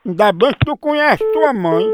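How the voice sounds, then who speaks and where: Radio prankster, very high lively voice, teasing and mock-innocent. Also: male voice, normal speed. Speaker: radio host making a prank call. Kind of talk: comic prank phone call.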